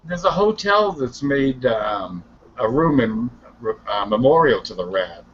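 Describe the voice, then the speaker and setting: A middle-aged man from the South Shore of Massachusetts trades stories in a loose casual chat, quick to laugh. His middle-pitched voice comes through a dull lo-fi recording with a faint hiss underneath. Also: big pitch swings, fairly bright tone. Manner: chatty, laughs along. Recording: dull lo-fi sound with faint noise.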